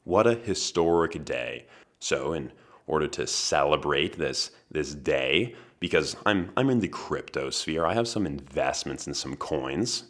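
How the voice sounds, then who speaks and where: A man in his twenties hosting a podcast, delivering a comedic monologue in a dry, deadpan manner with wry asides. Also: extremely low pitch, measured pace. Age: 20s. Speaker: podcast host.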